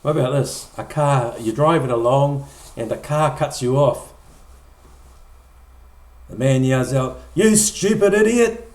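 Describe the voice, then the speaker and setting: A man's voice: mid-range voice, fairly even intonation, a little slow, long pauses, a little mellow. A middle-aged man preaching a conversational sermon, often repeating or restarting words and acting out short quoted lines. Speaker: pastor. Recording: echoey room.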